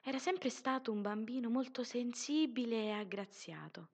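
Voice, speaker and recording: A woman reading a story aloud as a narrator, in a gentle, measured way with slow, emphatic pauses. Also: on the high side, breathy edge.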